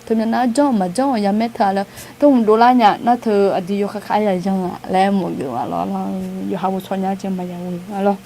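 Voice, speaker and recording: A woman's voice: mid-range voice, steady tone, a little fast, hardly any pauses, mellow, slight background noise. A woman giving an informal, conversational outreach talk to a group, with frequent hesitation sounds and light laughter. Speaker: outreach speaker.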